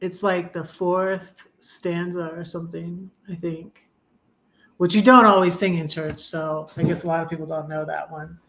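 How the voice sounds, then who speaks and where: A woman in her fifties chatting on a live stream, rambling with many pauses and fillers, sometimes singing a hymn line slowly. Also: on the low side, flat delivery, fairly bright tone. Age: 50s. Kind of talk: casual live chat.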